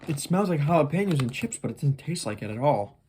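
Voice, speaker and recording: A food review host chatting casually in a low-key, hesitant, unhurried way. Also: big pitch swings, warm tone, a little hiss or hum. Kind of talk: casual snack review chat.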